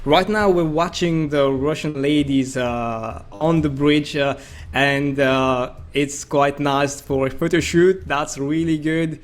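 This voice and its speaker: A man's voice: on the high side, steady tone, slow pace. A man hosting and commentating a game match stream in a casual way, full of fillers and hesitations. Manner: chatty, hesitant with many fillers.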